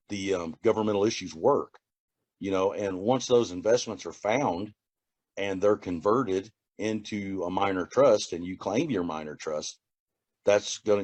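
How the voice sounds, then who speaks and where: Rambling, halting man with a dry sound. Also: deep voice, a little mellow, dry recording. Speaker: TikTok poster. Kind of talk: casual talk to camera.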